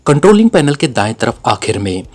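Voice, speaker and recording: A man's voice: mid-range voice, very animated, brisk, darkish tone. A man voicing a frightened, timid captive who stammers, in a storybook reading. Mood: nervous.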